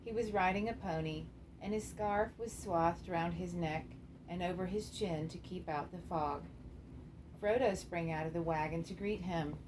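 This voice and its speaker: At a moderate pace and with a lowish voice, a woman reads scripted story narration for an amateur radio theater piece. The recording is clearly noisy and amateur.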